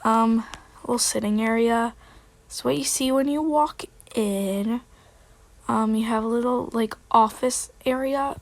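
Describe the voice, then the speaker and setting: A woman's voice: fairly high pitch, measured pace. A young woman with a slightly cracky voice, giving a casual, hesitant, rambling commentary as she hosts a game tour. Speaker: video host.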